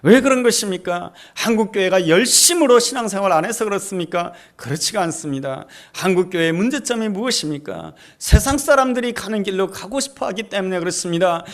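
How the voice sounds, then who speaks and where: A man's voice: high-pitched, lively intonation, a little fast, few pauses. A man preaching a sermon as pastor in a church, telling a story emphatically and swelling to fervent peaks. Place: church sanctuary.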